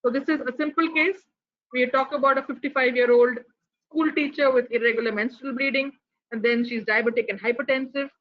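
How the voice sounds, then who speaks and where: A woman's voice: high voice, steady tone, fairly quick, lo-fi sound. A woman with an Indian English accent giving an online pathology lecture, explaining cases and posing rhetorical questions. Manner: explanatory, poses rhetorical questions, some restarts.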